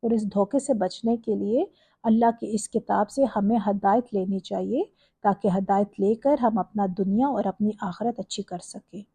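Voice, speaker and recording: A woman's voice: mid-range voice, dark tone, husky, dry recording. A woman giving a Quran commentary lecture, explaining verse by verse with small stumbles. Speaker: religious lecturer.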